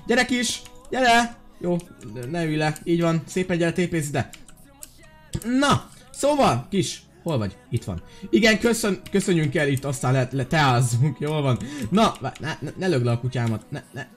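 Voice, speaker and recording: An excitable man gives playful commentary on a video game and keeps talking to his viewers. His voice sits high. It swings up and down with lively energy, and faint music plays behind him. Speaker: gaming video host.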